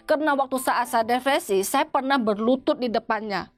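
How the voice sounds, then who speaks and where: A woman giving a church testimony in an interview, talking in a halting way with many restarts. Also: high voice, soft background music. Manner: halting, with frequent restarts and repeated words.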